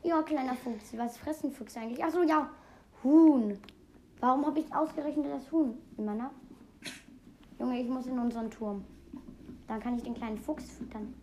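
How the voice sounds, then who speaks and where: A woman giving casual, excitable gaming commentary, rambling through fun facts with many restarts. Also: high-pitched, normal speed, long pauses, a little hiss or hum. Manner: excitable, keeps exclaiming "Junge". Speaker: let's play host.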